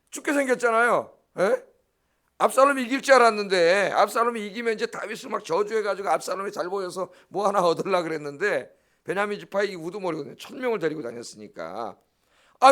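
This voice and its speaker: A man's voice: high voice, a bit bright. A middle-aged man, a pastor preaching a dawn service sermon in an emphatic, blunt way, often checking in with the congregation. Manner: blunt, scolding asides.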